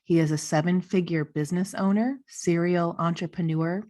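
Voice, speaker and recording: Recording over a video call from her living room with earbuds and a studio mic on a boom arm, a podcast host in her forties reads a scripted promo, then slips into casual interview conversation. She sounds mellow, with fairly low pitch, even intonation and normal speed, while gushing enthusiastically and saying "you know" a lot.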